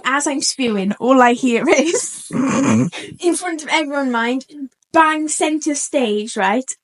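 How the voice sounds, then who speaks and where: An eighteen-year-old woman, telling a story on a podcast in an animated way, laughing often and acting out what people said. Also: on the high side. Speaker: podcast co-host. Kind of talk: casual storytelling chat.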